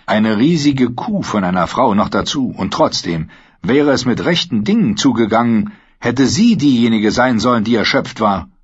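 A man narrating an audiobook with a steady, dramatic reading. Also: mid-range voice, normal speed, slightly rough. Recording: dull lo-fi recording.

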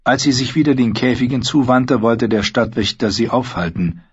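A man narrating an audiobook in a steady, measured reading. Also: mid-range voice, slightly rough, no echo. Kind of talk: scripted narration. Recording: dull lo-fi sound.

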